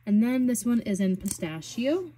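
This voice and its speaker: A young woman vlogging about beauty products in a casual, gushing, chatty way, full of fillers and excitement. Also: a little high, normal speed, slight background noise. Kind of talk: casual product swatching chat.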